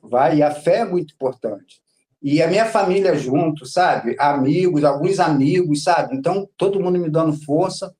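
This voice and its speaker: Speaking with a Brazilian Portuguese accent, a podcast guest recounts his story loosely and casually, leaning on lots of fillers. His voice sits on the high side with a darkish tone, at normal speed.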